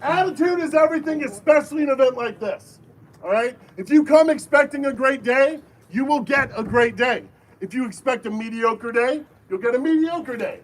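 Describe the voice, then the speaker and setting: High voiced guy running a safety briefing outside, bossy call and response, kinda far off from the mic. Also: lively intonation, moderate pace. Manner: firm, call-and-response, commanding. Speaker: airsoft event briefing leader. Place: outdoor airsoft field. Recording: distant voice with faint background noise.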